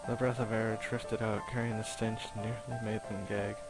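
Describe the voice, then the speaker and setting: A man's voice: fairly low pitch, level tone, moderate pace, low-quality recording. A man reading a game's story text aloud, stumbling and restarting now and then. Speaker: reader of a visual novel. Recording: voice over loud game music.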